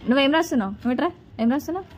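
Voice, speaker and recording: In a noisy home recording with crowd noise behind her, a woman vlogs casually while bossing her children through their homework. Her voice sits high and is animated and rapid-fire, her tone scolding.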